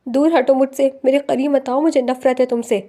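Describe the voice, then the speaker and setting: A woman's voice: sits high, steady tone, lightly acted. Woman doing a hysterical young wife. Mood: frantic. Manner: shouting, raised and strained.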